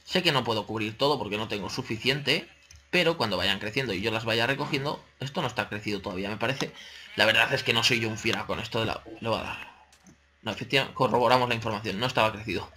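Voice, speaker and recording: A man's voice: fairly low pitch, fast talker, bright, forceful tone, a little hiss or hum. Chatty man narrating gameplay. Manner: chatty, talks to himself and viewers, playful exclamations. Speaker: gaming channel host. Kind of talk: casual let's-play commentary.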